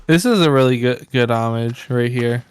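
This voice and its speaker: A man's voice: mid-range voice, normal speed, clear, resonant tone. A man giving casual, informative commentary alongside a gameplay session. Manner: informative, conversational. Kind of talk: casual explanatory gameplay chat.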